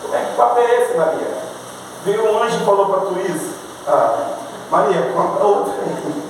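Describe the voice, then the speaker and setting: A man's voice: sits high, normal speed, a little hiss or hum, pitched below the performer's own voice, natural voice. A man voicing a nervous young man, agitated and pleading. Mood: suspicious. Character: flustered young man, anxious groom-to-be. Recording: echoey church hall from far off.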